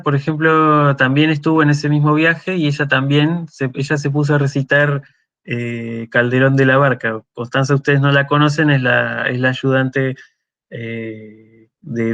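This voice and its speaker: Through a muffled recording, a man's medium-pitched, slightly bright voice carries a university lecture at a measured pace with fairly even intonation. Speaking with an Argentine Spanish accent, he works through the material step by step, thinking aloud with fillers and restarts and often asking "¿sí?" to check in.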